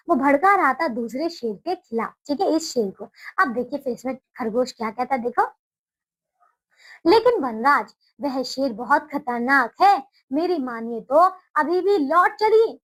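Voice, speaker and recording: A woman teacher walks young children through a storybook in a high, light voice. She retells each scene in her own words, explains the harder words and keeps checking in with "okay". Her delivery is patient and repetitive. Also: poor audio. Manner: explains words, repeats "ठीक है".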